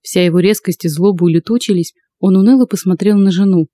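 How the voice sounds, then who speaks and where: A woman narrating first-person fiction for an audiobook in a calm, even storytelling voice. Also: lowish voice, quick pace, dry recording.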